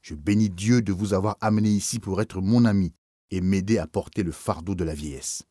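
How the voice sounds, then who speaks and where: Give me a man playing a sick old priest with a shaky, sharp voice, dry and close. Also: sits low, brisk, no room sound. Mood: tearful. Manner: sharp and shaky, later softening into tears. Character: sick old male parish priest, bitter then tender.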